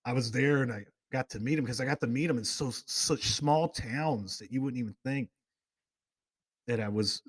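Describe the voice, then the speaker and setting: This mid-range male voice belongs to a talk show host chatting casually and wandering off on tangents as he eagerly recounts fan stories. It's a dry, studio-quality recording.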